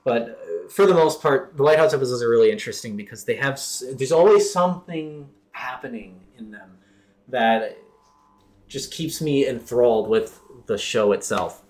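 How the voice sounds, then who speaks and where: A man's voice: mid-range voice, expressive, normal speed, darkish tone. A man co-hosting a casual podcast chat, rambling and often correcting himself mid-sentence. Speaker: podcast co-host.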